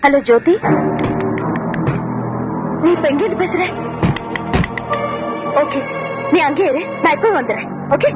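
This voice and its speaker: An actress playing a brisk, commanding woman in a film comedy, giving orders. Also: high voice, lively intonation. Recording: dull film audio with loud music.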